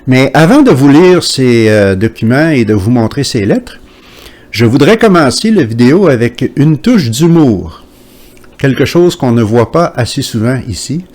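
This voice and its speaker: A man from Quebec hosting his channel from home, talking to camera in a hesitant way with many pauses. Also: mid-range voice, very animated, a little mellow. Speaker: channel host. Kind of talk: casual commentary to camera.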